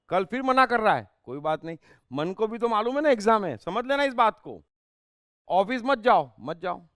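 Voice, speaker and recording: High, animated man giving a spiritual talk. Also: clear, resonant tone, no echo, studio quality. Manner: emphatic, with rhetorical questions. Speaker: spiritual speaker and life coach. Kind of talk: spiritual discourse.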